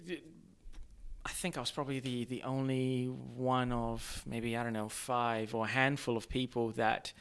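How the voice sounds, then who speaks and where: A young man from Zimbabwe raised in Australia, chatting as a guest in a thoughtful, halting way. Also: mid-range voice, level tone, fairly bright tone, smooth. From born in Zimbabwe, raised in Australia. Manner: thoughtful, halting, many restarts. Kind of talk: casual podcast chat.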